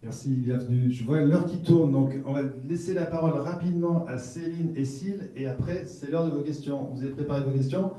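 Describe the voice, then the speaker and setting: A man moderating a panel, keeping a brisk eye on the clock and handing over to speakers. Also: fairly high pitch, warm tone. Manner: brisk, time-conscious. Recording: echoey room, mic far off.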